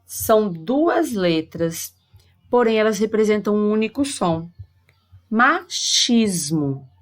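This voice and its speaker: Slow, careful Brazilian woman teacher. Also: mid-range voice, expressive, darkish tone. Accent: Brazilian Portuguese. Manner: slow, careful, spells out sounds. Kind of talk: recorded lesson for sixth graders.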